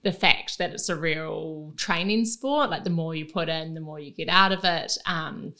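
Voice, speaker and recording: A woman's voice: deep voice, moderate pace. A young woman with a New Zealand accent, chatting easily as an interview guest in a living room, close to a studio mic. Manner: relaxed, chatty, laughs easily. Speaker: guest, Olympic rower. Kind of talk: casual interview chat. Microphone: studio mic on boom arm.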